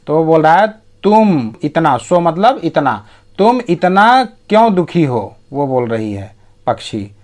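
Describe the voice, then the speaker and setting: Guy teaching english, reads lines slow then explains, bit high voice. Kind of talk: bilingual lesson reading a story.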